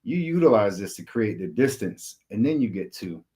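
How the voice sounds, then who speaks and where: A man's voice: on the low side, sing-song, moderate pace, dark tone. A man co-hosting a livestream, joking loosely and swearing casually. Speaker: livestream co-host. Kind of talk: casual live chat.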